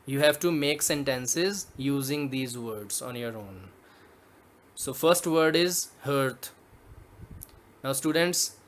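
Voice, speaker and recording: A male teacher from Punjab in India, explaining a poem to students in a slow, deliberate classroom manner. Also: mid-range voice, fairly bright tone.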